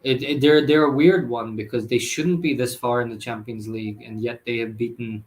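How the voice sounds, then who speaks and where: A man with a mid-pitched, everyday voice talks football with a co-host. He hesitates often and restarts his sentences, leaning on filler words as he thinks aloud. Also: fairly even intonation, moderate pace, poor audio. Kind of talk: casual football chat.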